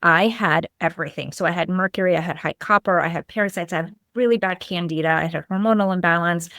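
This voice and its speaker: A woman's voice: lowish voice, quick pace, a bit bright, no room sound, studio quality. A middle-aged woman from Lithuania telling a personal story conversationally as an interview guest, acting out bits of dialogue as she goes. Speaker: podcast guest, clinical nutritionist.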